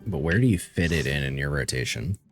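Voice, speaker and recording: A man's voice: a bass voice, lively intonation, a little fast, faint music behind. A man streaming a game, chatting casually and swearing offhandedly. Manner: laid-back, swears casually. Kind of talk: casual chat while gaming.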